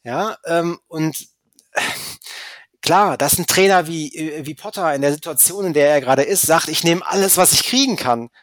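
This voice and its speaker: A man's voice: fairly high pitch, moderate pace, fairly bright tone, no echo. A man in casual football chat, opinionated and hesitant, full of fillers and restarts. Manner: opinionated, argues his view.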